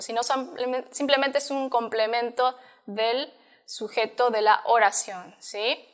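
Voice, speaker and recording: Woman, language teacher, patient, step-by-step, slightly high voice. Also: fairly bright tone, smooth. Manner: patient, step-by-step explaining with frequent "¿sí?" checks. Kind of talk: recorded online lesson.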